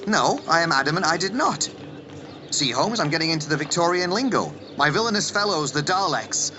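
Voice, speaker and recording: Man playing an animated, whimsical time traveller, the Doctor. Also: a little high, brisk, noisy background. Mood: teasing, boastful. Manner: playful, wisecracking, theatrical. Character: whimsical, boastful male time traveller, teasing and sentimental. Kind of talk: radio drama acting.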